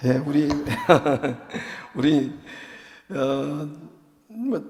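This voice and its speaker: A man's voice: a little high, vocal fry. A male pastor preaching a sermon in a chatty, joking way, full of small fillers. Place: church sanctuary. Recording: long reverb of a church hall.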